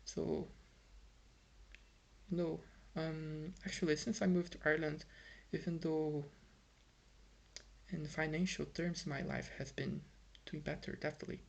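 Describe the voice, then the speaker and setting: A young Brazilian vlogger with a slightly high, creaky voice speaks unhurriedly with little pitch movement and long pauses. At home in Ireland, he uses Brazilian-accented English, Portuguese being his first language, in a casual monologue that's frustrated, rambling and full of fillers and restarts.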